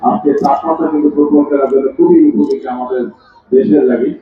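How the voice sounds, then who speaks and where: A man's voice: on the high side, fairly even intonation, fast talker, heavy reverb, distant mic, phone-quality sound, faint music behind. A man with a Bangladeshi accent giving live commentary at an outdoor football match.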